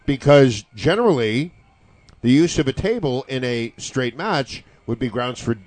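A man's voice: medium pitch, animated, a little slow, a little mellow, dry recording. A man giving analytical wrestling commentary in a casual chat, with wordy, mock-formal, sardonic phrasing.

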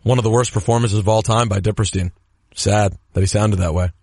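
A man hosting a podcast, talking in an animated, opinionated way in casual chat. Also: lowish voice, brisk, gravelly, heavy background noise. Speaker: podcast host.

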